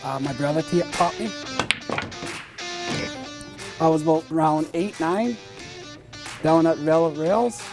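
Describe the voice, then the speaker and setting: A man's voice: on the high side, moderate pace. A man from the Brandon area who plays pool, giving short, plain answers with hesitations in a casual interview. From Brandon area, Manitoba. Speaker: pool player. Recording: music playing underneath.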